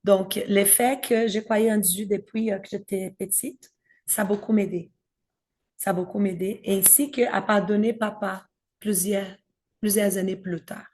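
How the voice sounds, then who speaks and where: A woman with as her guides a faith discussion group in a gentle, welcoming way. She sometimes stops to hunt for the right word. Her voice sits in the middle of the female range. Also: mid-range voice, fairly even intonation, a little slow. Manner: gentle and inviting, searching for words.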